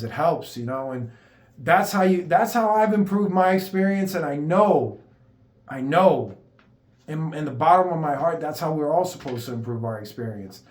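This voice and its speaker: A man talking in a casual, unscripted self-help monologue, earnest and rambling, with lots of fillers and restarts. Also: fairly high pitch. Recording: echoey room.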